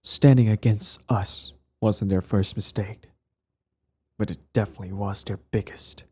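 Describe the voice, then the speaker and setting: In an intimate ASMR roleplay, a male actor voices a brooding villain who was once a hero, cold and bitter yet earnest and devoted to his partner. His husky, dark, low voice stays measured and intense with fairly even intonation and dramatic pauses, and his mood is earnest and persuasive.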